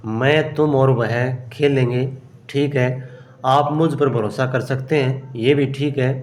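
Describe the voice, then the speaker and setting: A man teaching exam-prep grammar, working through each question aloud and answering his own questions. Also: mid-range voice. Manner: explains step by step, asks and answers himself; slow and unhurried, often says "okay". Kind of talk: solving a grammar test aloud.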